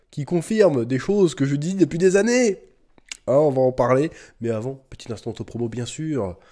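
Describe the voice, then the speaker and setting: Guy hosting a reaction vid, mellow dark tone, rants a lot and gets worked up. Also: mid-range voice. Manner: animated, ranting, rising to indignant peaks; informal slang and swearing. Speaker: host. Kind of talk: casual reaction video.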